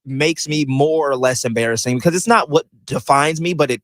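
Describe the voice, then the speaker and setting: A man's voice: on the high side, a little fast, fairly bright tone, no room sound. A man co-hosting a radio show, talking in a casual, conversational way. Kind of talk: casual chat.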